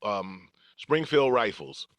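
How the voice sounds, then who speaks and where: With a low, sing-song voice that's a bit bright, an older man slowly tells stories from his life as a guest on a podcast. The recording is dry; he's casual, chuckles through his anecdotes and acts out the dialogue.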